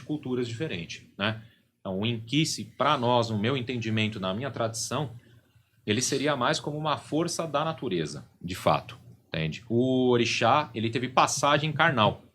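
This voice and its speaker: A man's voice: mid-range voice, a bit bright, slight background noise. A middle-aged man, a podcast guest and religious leader, explaining at length in a casual studio chat and constantly checking in with "right?" and "you know?". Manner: explanatory, constantly tags phrases with "né?" and "entende?".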